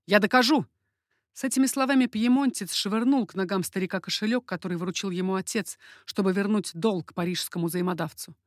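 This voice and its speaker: A woman reads a historical novel aloud with steady, expressive storytelling. Her voice sits in a middle range. The recording is dry and close. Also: mid-range voice, fairly quick, hardly any pauses, no echo. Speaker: audiobook narrator. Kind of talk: dramatic audiobook narration.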